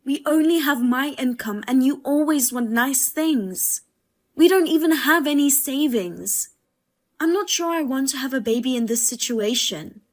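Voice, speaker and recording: A woman with a high voice who tells a storybook drama as the wife and narrator. She talks in a calm, measured and firm way.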